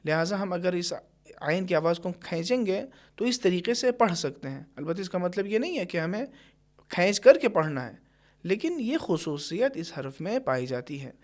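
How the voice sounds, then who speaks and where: A man's voice: high-pitched, big pitch swings, a little mellow. Patient man teaching Quran pronunciation. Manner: patient, explains carefully, stretches words when demonstrating. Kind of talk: tajweed lesson with slow recited examples.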